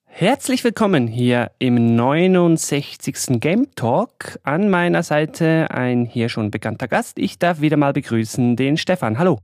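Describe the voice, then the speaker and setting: Slightly high-voiced male podcast host. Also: lively intonation, a little slow, few pauses, darkish tone, no echo. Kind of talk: casual podcast chat.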